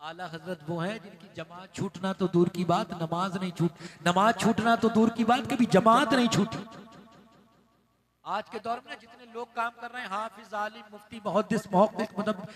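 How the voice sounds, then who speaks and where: A man's voice: high voice, steady tone, moderate pace, fairly bright tone, roomy sound, long reverb tail. A man preaching a sermon to a gathering, building fervent, chanting repetitions of lines. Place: religious gathering. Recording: crowd audible behind the speaker.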